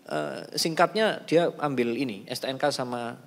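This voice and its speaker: A man telling personal stories in a casual talk, shifting between soft asides and loud emphasis. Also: mid-range voice, moderate pace, gravelly. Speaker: talk show speaker. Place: large church hall. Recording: hall with long reverb.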